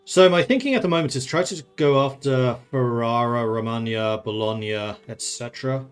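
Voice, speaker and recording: A man from the Netherlands who was raised in England streams a strategy game in a clean, mid-range voice at normal speed. He thinks aloud in casual commentary, chats with viewers and laughs a lot.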